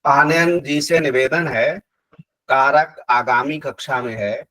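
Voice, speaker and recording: A man organizing the class, speaking slowly, politely and directively from a distant mic. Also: medium pitch, bright, forceful tone.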